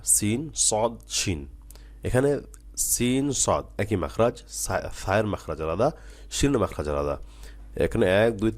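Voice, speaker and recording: A man, teaching Quran letter sounds. He drills each sound slowly and repeatedly, then explains at a brisker pace. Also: on the low side. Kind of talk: slow drilled recitation lesson.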